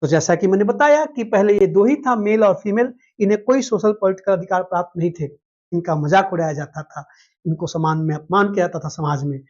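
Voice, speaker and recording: A woman's voice: medium pitch, fairly quick, a little mellow, lo-fi sound. A woman teaching a classroom lecture, explaining step by step, repeating key terms and checking that students follow.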